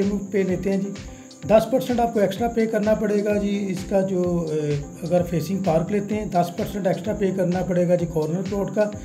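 A man walks a housing site, narrating on a phone camera. He talks in a high, deeply mellow voice, reeling off plot prices and addressing viewers again and again. Faint music plays behind him. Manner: repetitive, reels off prices, frequent "viewers" and "ji". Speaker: property dealer giving a site tour. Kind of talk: walking property tour narration. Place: outdoors in a housing development.

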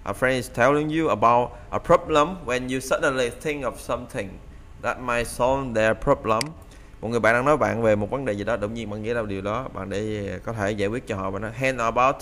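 A man's voice: medium pitch, fairly even intonation, fairly quick, fairly bright tone, slight background noise. A man teaching English phrasal verbs in a casual lesson, explaining in Vietnamese and often repeating the phrases aloud.

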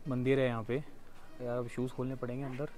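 This travel vlogger is a young man talking fast in a monotone, his medium-pitched voice a little mellow. He walks outdoors through a busy town market, chatting casually on a clip-on mic and mixing in English words, with faint music in the background.

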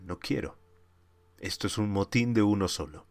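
A man's voice: on the low side, normal speed, soft background music, voice pushed up, natural voice. A man voicing a defiant male crewman who talks in a taunting, scornful, insolent manner.

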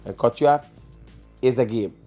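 A man's voice: mid-range voice, normal speed, dark tone, soft background music. A middle-aged man with a Guyanese accent, bluntly hosting a casual podcast chat. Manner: blunt, profane, opinionated. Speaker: podcast host. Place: small studio lounge, on a leather couch. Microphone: boom mic on a stand.

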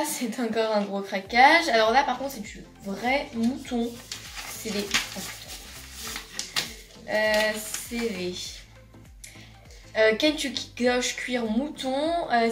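Recorded off-mic by a camera across her bedroom, a teenage French vlogger chats through a casual haul with a medium-pitched voice. She gushes, fills her talk with fillers and keeps restarting, and the room sound is noticeable.

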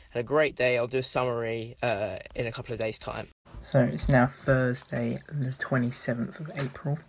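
A young man chatting casually to his phone as a vlogger, held at arm's length. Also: medium pitch. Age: young adult. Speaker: vlogger, volunteer marathon marshal. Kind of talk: casual vlog chat. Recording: handheld phone, noisy street and traffic.

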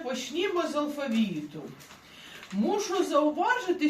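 High-voiced woman, patient teacher, slow explaining, echoey room, faint hum. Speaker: Polish language teacher. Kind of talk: beginner language lesson.

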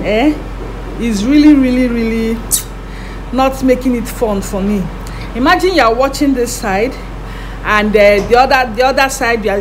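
A woman's voice: a little high, noisy background. A young Nigerian woman with a Nigerian accent, chatting to camera in her living room, repeating herself for emphasis and dropping in Pidgin phrases. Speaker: vlogger. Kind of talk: casual chat to camera. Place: living room at home, indoors.

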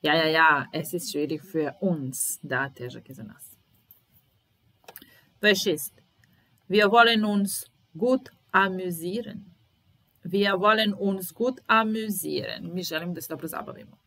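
Lady teaching german real slow, says each line twice then translates, lowish voice. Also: bright, forceful tone. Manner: repeats German sentences then translates, patient. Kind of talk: slow language lesson.

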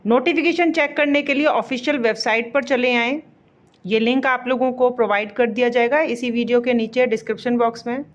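A woman explaining a job vacancy notice in a casual walkthrough, pausing on fillers and reading official names slowly. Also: fairly high pitch, steady tone, muffled recording. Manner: explanatory, repeats fillers and pauses mid-phrase; reads English names slowly, word by word.

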